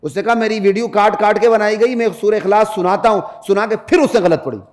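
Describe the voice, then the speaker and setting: A middle-aged man giving a Friday sermon as a mufti. He preaches emphatically, rising to loud peaks, drops to low asides to the congregation, and chants Arabic verses melodically.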